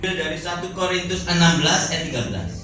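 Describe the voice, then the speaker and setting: A middle-aged man preaching a sermon, telling his own testimony and swinging between loud proclamations and quiet asides. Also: a little high, animated, a little fast. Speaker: pastor. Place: church service hall. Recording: echoey hall, distant mic, background noise.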